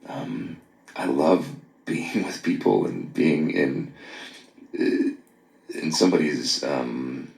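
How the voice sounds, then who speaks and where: Deep gravelly man in a phone voice message. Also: a little mellow. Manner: halting, many pauses and restarts; earnest, apologetic. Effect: voice message recorded on a phone. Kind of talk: late-night voice memo. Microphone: phone held close. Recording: echoey phone voice memo.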